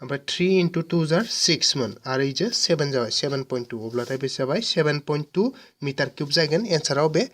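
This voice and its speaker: A man's voice: on the high side, expressive, brisk, a bit bright. A male math teacher giving an exam-prep lesson, patiently explaining and asking questions that he then answers himself. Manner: poses questions and answers them himself step by step.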